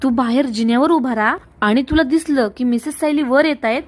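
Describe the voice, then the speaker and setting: A woman reads out a young husband in a retold TV serial, coaxing his best friend one moment and ordering him as the boss the next. The voice sits high and eager. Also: a little fast, natural voice. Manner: wheedling then ordering. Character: young businessman husband, pleading and bossy.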